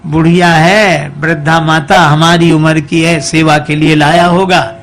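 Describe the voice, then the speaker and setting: A man's voice: fairly high pitch, flat delivery, a little slow, a bit bright. A man voicing a bossy elderly mother-in-law scolding her daughter-in-law in a spoken story.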